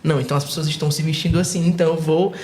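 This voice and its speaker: A woman guest on a faith podcast who talks quickly and tells stories with animation, often restarting her sentences. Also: low-pitched, steady tone, dark tone, a little hiss or hum. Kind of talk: casual faith podcast conversation.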